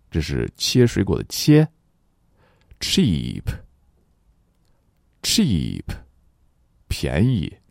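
A man whose first language is Chinese, teaching English pronunciation and reading each word slowly twice for his students to repeat. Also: low-pitched, a little mellow, no echo, studio quality. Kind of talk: language lesson, reading words slowly for repetition.

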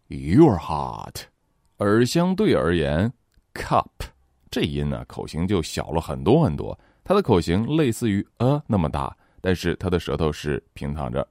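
A man's voice: low-pitched, darkish tone, no echo, studio quality. A man teaching English pronunciation. He runs repeat-after-me drills, switching between Mandarin explanation and English word models, with playful, vivid comparisons.

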